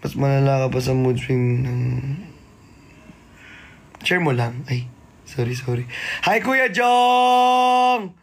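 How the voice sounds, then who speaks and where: A man's voice: mid-range voice, completely flat delivery, measured pace, long pauses, slight background noise. A man hosting a casual live stream, greeting viewers by name and teasing them playfully. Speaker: livestreamer.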